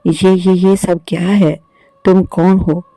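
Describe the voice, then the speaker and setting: A man's voice: sits high, little pitch movement, slow, dark tone, no room sound, pitched above the performer's own voice. A man voicing a frightened poor young village girl who stammers in fear in a storybook tale. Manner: stammering, fearful.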